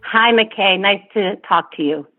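A woman's voice: medium pitch, measured pace, husky, faint music behind. Middle-aged woman on a tinny phone line. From born in Vietnam, raised in Asia and Africa. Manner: thoughtful, with frequent restarts and light laughs. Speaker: interview guest. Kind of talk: casual interview over a phone line.

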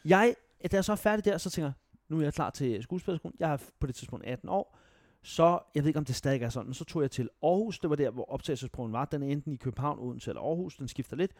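A young man from Denmark telling stories in a casual chat, animated, swearing and mocking himself. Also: a little high, no room sound, studio quality. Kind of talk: casual podcast storytelling.

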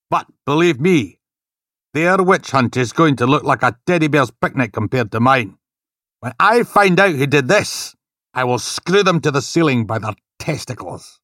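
A man voicing a large, bald police inspector who speaks gruffly and emphatically, full of threats. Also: lowish voice, lively intonation, moderate pace, no room sound, studio quality. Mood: stern.

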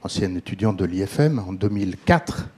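A man's voice: low voice, lively intonation, normal speed, a little mellow, husky. A man opening a festival session, thanking guests with some hesitation. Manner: hesitant with fillers. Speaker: festival organizer. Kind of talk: welcome speech.

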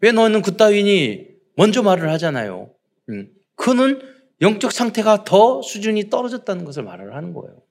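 A man's voice: high-pitched, huge pitch swings, brisk, vocal fry, a little mellow. A man preaching a sermon to his congregation, asking rhetorical questions and acting out parents and children. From South Korea. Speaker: pastor.

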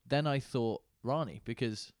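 A man's voice: medium pitch, a little slow, a little mellow, no echo, studio quality. A man co-hosting a podcast in casual chat, thinking aloud and asking questions. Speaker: podcast co-host.

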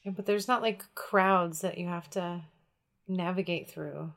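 A young woman with a bright, clear voice speaks very slowly and easily. She answers casually, relaxed and laconic, often with short agreeing sounds. She sounds like a guest in an unhurried chat. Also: fairly low pitch. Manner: relaxed, laconic, lots of mm-hmms. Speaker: guest in conversation. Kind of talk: casual conversation.

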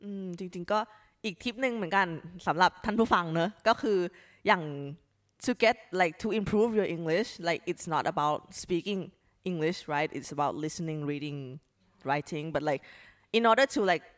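A woman's voice: fairly low pitch, slow. A woman with a Thai accent hosting a podcast, chatting casually in Thai and English with many "like" fillers. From Thailand. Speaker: podcast host.

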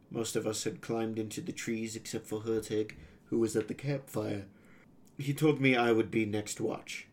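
A man's voice: lowish voice, a little mellow. Man narrating a fantasy adventure. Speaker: storyteller. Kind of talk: first-person scripted narration.

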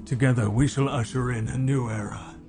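A man playing an ancient, pompous fantasy villain who proclaims slowly and grandly in a tabletop game. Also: mid-range voice, steady tone, a little mellow, soft background music, lightly acted. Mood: grandiose. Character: grandiose male fantasy villain, old beyond counting, monologuing.

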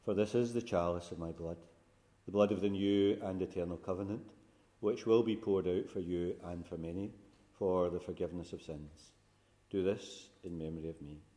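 A man's voice: low-pitched, steady tone, moderate pace, mellow. A man speaking as a priest, reciting the prayers of a funeral Mass in a solemn, formal manner in a church.

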